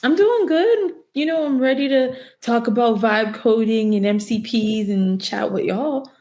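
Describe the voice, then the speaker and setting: Woman, guest, upbeat, friendly, slightly high pitch. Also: measured pace, dark tone. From Boston area. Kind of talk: casual chat.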